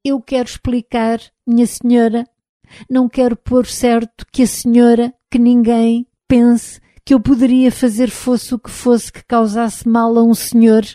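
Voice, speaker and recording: A woman voicing a timid, frightened male robot with a hoarse voice. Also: fairly high pitch, little pitch movement, moderate pace, dark tone, no room sound, voice pushed up, close to an everyday voice. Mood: anxious pleading. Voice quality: hoarse, like a machine needing oil. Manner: anxious, pleading, deferential. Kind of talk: audiobook character reading.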